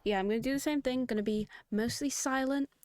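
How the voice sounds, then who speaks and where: A hoarse woman hosting a gaming video, giving chatty, giggly commentary with sudden high excited jumps. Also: quick pace, dry recording. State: hoarse, has lost her voice. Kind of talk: casual gameplay commentary.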